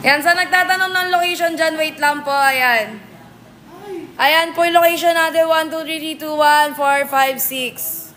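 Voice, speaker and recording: A woman's voice: high voice, measured pace, bright, forceful tone, a little hiss or hum. A woman hosting a casual live stream, answering viewer comments with playful, teasing comebacks. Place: billiards venue.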